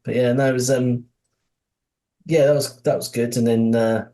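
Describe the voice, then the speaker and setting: A man's voice: medium pitch, fairly even intonation, moderate pace, warm tone. A man co-hosting a podcast in casual, rambling chat, laughing often and swearing freely. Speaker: podcast co-host.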